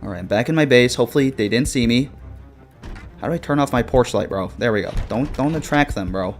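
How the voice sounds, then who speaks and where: Over soft background music, an animated man talking quickly at medium pitch plays a horror game on a live stream. He uses casual slang, gets scared and jumpy, and talks to his chat between moments of play.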